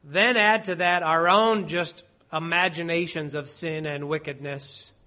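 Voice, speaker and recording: Guy preaching slow and careful, hits every word, pretty high clear voice. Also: steady tone, sharp tone. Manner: slow and deliberate, stressing each word, reads Hebrew and Latin aloud. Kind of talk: expository sermon.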